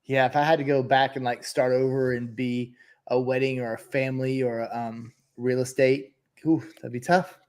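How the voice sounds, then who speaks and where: A man's voice: mid-range voice, steady tone, moderate pace, darkish tone. A man chatting casually and informally as a co-host, with a folksy way of talking. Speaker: podcast co-host, volume photographer. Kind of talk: casual chat.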